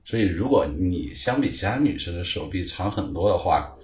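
A man in his thirties, a podcast guest, explaining things at length in a relaxed way with lots of fillers. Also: low voice, moderate pace. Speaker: guest, club founder. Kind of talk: casual chat. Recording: roomy echo.

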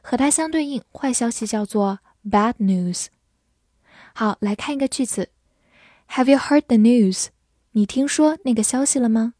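Slow, dry-voiced woman teaching English words. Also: on the high side, warm tone, no room sound. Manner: spells words letter by letter and reads examples slowly. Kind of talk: scripted vocabulary lesson.

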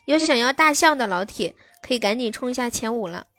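A woman's voice: fairly high pitch, lively intonation, a little fast, a bit bright, dry recording. Chatty young woman streaming, close and dry. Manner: chatty, reads viewer comments aloud and answers them. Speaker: live-stream host. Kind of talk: casual live-stream chat with viewers.

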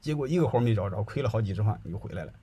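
Husky-voiced middle-aged male storyteller, chatty and colloquial, keeps checking in with the audience. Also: lowish voice, lively intonation, very fast, warm tone. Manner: chatty, colloquial, often checks that listeners follow. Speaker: speaker telling anecdotes.

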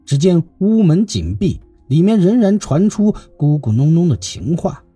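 A man narrating a classical tale in a lively, expressive reading as the storyteller of his channel. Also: a little high, normal speed, husky, no echo, faint music behind.

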